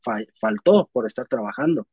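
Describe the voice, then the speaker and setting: A young man, a guest in a casual interview, telling animated stories with frequent restarts. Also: mid-range voice, moderate pace, husky, dry recording. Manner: animated storytelling with many restarts.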